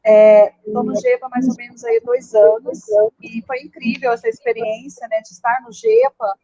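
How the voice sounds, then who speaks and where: A woman's voice: fairly high pitch, sing-song, moderate pace, warm tone, dull audio. A woman panelist introducing herself informally on a live online discussion. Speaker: psychoanalyst, panelist.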